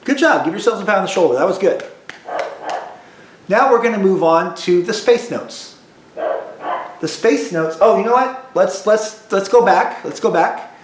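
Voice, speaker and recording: A man's voice: sits high, lively intonation. Echoey man teaching a kids' music lesson. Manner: call-and-response drilling, slow repeated prompts. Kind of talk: recorded music lesson for children. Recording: echoey room.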